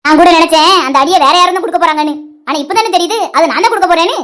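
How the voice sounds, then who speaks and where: A bossy, sharp-tongued young village woman from a cartoon, voiced by a woman. She has a very high voice and a Tirunelveli Tamil accent. Her sarcastic lines come out at a rapid-fire pace. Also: very noisy.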